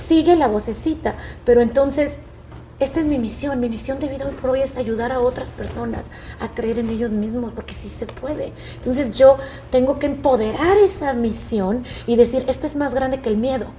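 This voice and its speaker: A middle-aged woman, telling her story as a guest in a conversational interview, in an expressive, animated way. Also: high-pitched, normal speed, a little hiss or hum. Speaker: guest, businesswoman.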